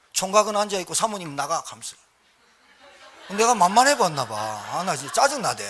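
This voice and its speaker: Animated, husky storytelling pastor man. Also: fairly high pitch. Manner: animated storytelling, acting out scenes, swings between loud and hushed. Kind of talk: sermon with personal storytelling.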